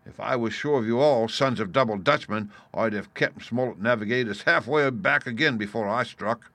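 A man voicing a scheming, swaggering pirate ringleader in a storybook, speaking forcefully in rustic seafaring dialect. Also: medium pitch, normal speed, no room sound, natural voice. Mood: scornful, boastful. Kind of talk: dramatised storybook reading.

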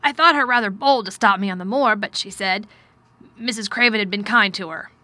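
A woman acts out a miserable, distracted gentleman from a storybook. He is fretful and curt, speaking in abrupt, emphatic bursts with a bright, forceful edge. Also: mid-range voice, fairly quick, no room sound, close to an everyday voice. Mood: worried, insistent.

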